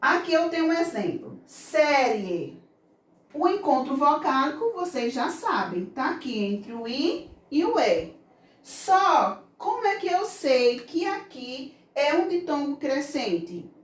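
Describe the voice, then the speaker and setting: A woman teaching a grammar lesson to children with a Brazilian Portuguese accent, explaining slowly and patiently. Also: sits high, sing-song. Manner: slow, patient explaining, voices children's questions. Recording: echoey room, mic far off.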